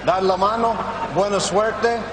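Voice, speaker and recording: Arena echo and noise surround a male boxing referee. His high voice gives practical pre-fight instructions, moving between Spanish and English. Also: fairly even intonation, normal speed. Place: boxing ring in large arena. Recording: echoey arena, clearly noisy.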